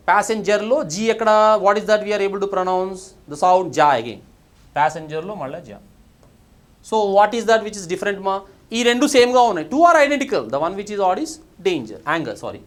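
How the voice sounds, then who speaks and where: A man with a Telugu accent teaching English pronunciation in a recorded video lesson. He moves between Telugu and English, asks the class questions and then answers them himself. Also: sits high.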